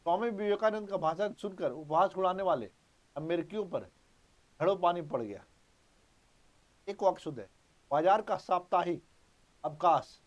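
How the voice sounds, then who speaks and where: A man's voice: sits high, moderate pace, long pauses, highs cut off. A man teaching an exam-prep grammar lesson, emphatic and repetitive, quizzing his students as he goes. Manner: emphatic, repeats key points, quizzes students.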